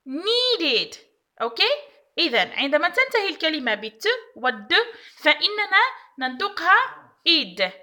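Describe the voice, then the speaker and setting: A woman's voice: high-pitched, bright, forceful tone. A woman teaching an English pronunciation lesson, repeating each example word and often checking in with the class. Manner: checks understanding with frequent rising "okay?". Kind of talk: recorded online language lesson.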